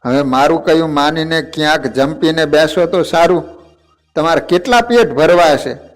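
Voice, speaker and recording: A man's voice: normal speed, soft background music, close to an everyday voice. A man voicing an old village woman who scolds affectionately, in a raised voice. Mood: tender. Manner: raised pitch, scolding and pleading.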